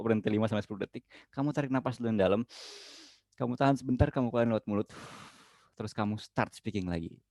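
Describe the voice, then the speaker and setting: A young man teaching public speaking in a casual workshop, lively and mixing in English phrases. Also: on the low side, dry recording. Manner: lively, mixes English phrases, acts out students' worries. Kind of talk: casual online workshop talk.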